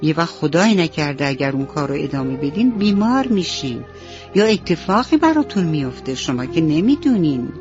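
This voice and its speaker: Gentle woman telling a bedtime story. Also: deep voice, very animated, faint music behind. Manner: gentle, motherly, addresses children directly. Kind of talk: bedtime story narration for children. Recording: slightly dull radio recording.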